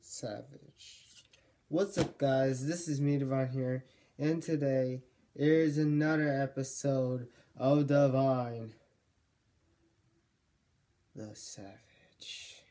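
Rambling young male vlogger, slow mellow voice. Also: mid-range voice, fairly even intonation. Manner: rambling, self-correcting, jokey. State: losing his voice. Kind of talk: casual vlog monologue.

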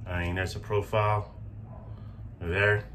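A man with a fairly low voice talks casually through his cooking vlog, upbeat and fond of repeating words for emphasis. He is recorded at an outdoor grill. Food sizzles clearly behind him. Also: flat delivery, a little slow, pushed and bright, slight background noise. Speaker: cooking channel host.

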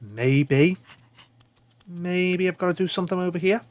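A man's voice: high-pitched, unhurried. A man hosting a let's-play, chatting casually and swearing freely as he plays. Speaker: gaming channel host.

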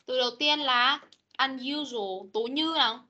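Patient woman teacher, high bright voice, drilling words over a video call. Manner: patient, corrective, models words slowly. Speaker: English teacher. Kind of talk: online class pronunciation drill. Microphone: computer mic on video call.

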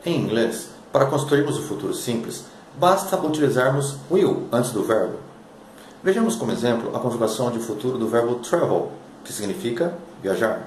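A man, a native Portuguese speaker, teaching English in a scripted lesson, reading example sentences slowly and dropping his voice on the translations. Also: darkish tone, reverberant, a little hiss or hum, rough recording. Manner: slow deliberate reading of example sentences, drops pitch on translations.

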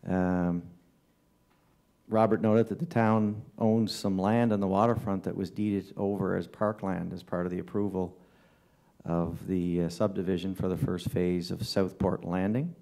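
A man delivering a town councillor's report at a council meeting, halting often with fillers and restarts. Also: low voice, dark tone. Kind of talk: formal council report with ad-libbed remarks. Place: council chamber.

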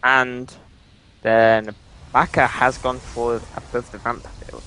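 A man's voice: medium pitch, level tone, slow, sharp tone, a little hiss or hum. A man casting a live video game match as play-by-play commentator, narrating each move. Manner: play-by-play, repeats "as we do see". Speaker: esports caster.

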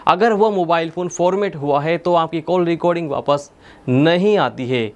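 A young adult man walks through a tech tutorial step by step, methodically repeating points in an instructional way. His voice is fairly high-pitched and his pace moderate, recorded in an indoor studio against a plain blue backdrop.

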